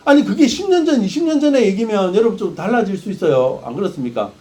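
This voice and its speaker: Male pastor, sermon, high voice, very lively pitch, rhetorical questions. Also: fast talker. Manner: animated, rhetorical questions to the congregation.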